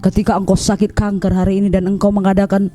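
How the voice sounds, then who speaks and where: Animated woman evangelist preaching. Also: medium pitch, quick pace, soft background music. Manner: animated storytelling, keeps addressing listeners as brothers and sisters. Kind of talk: sermon.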